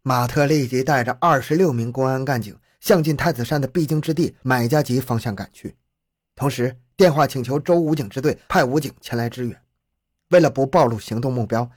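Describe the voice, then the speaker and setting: A man reading a true-crime story as narrator in a steady storytelling delivery. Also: mid-range voice, a little fast, breathy edge, dry recording, clean studio sound.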